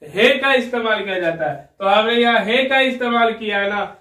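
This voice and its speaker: A man teaching an Urdu spelling lesson, patient and steady, checking again and again that the learner follows and quizzing them. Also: sits high, normal speed, recorded from a distance. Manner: patient, keeps asking "ठीक है ना" and quizzing the learner. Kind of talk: slow spelling lesson at a whiteboard. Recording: roomy echo, voice a little off-mic.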